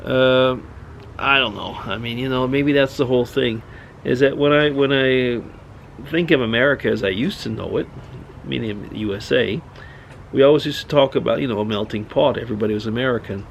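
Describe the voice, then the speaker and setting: Gravelly middle-aged man musing aloud. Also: medium pitch, fairly quick, a little hiss or hum. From Switzerland. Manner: rambling, musing, many restarts. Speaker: vlogger. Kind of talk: casual monologue.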